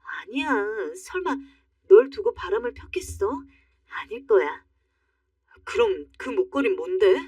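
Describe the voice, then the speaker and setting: A woman voicing a sympathetic female friend who speaks in a soft, reassuring way. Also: mid-range voice, sing-song, measured pace, breathy edge, no echo, clean studio sound, recorded from a distance.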